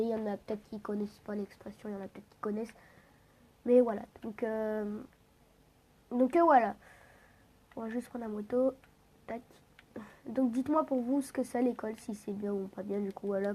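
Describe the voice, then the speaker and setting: Warm in tone and fairly high in pitch, a teenage girl's stuffed-up voice drifts casually over gameplay. She's a gaming vlogger with a head cold, speaking a bit nasally and wandering through her thoughts with plenty of fillers and restarts.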